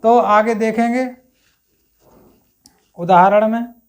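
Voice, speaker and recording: A man teaching a grammar lesson step by step, often checking in with his listeners and clearing his throat now and then. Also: high-pitched, fairly even intonation, takes it slowly. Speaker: Hindi teacher.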